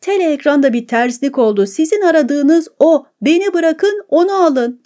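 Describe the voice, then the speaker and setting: A woman voicing a gaunt, terrified male prisoner who pleads and shouts frantically. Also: sits high, normal speed, pitched above the performer's own voice, lightly acted. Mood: frantic accusing.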